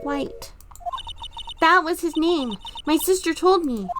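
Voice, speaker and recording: A woman voicing a sweet, trusting young girl in a video game, earnest and soft-hearted. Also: very high voice, lively intonation, takes it slowly, over music, pitched above the performer's own voice, heavily acted. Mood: somber.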